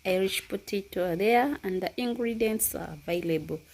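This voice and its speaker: A woman's voice: medium pitch, a little mellow. A woman hosting a home cooking vlog, speaking in a casual, repetitive way and inviting viewers to try the dish. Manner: slow, repetitive, friendly invitations. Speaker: cooking channel host. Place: home kitchen.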